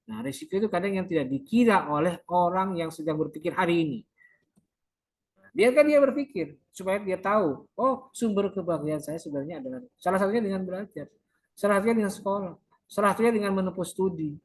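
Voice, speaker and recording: A man lecturing a university class on counseling skills. He explains step by step, names each term in English and then translates it, and asks rhetorical questions. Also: high-pitched. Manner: explanatory, repeats terms in English then Indonesian.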